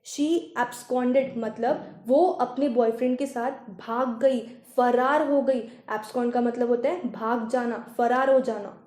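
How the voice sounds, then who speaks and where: A woman with an Indian accent teaching English vocabulary, saying each English word slowly and explaining it in Hindi. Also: fairly high pitch, fairly even intonation, darkish tone, echoey room. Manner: slow, carefully spelled-out English words, explaining in Hindi.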